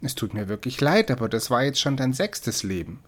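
A man voicing gentle, unyielding Death as a bird. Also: mid-range voice, sing-song, fairly quick, close to an everyday voice. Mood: firm. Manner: soft, kind but unyielding.

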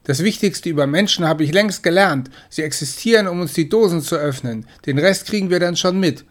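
A man's voice: a little high, fairly quick, voice pushed up, natural voice. A man voicing a blunt young male kitten who thinks he knows it all, in a storybook. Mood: dismissive.

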